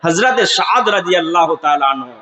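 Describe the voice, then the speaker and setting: Chanting preacher man, high bright voice. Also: animated. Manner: chanting, drawn-out melodic delivery that swells into shouted peaks. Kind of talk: sung Bengali sermon (waz).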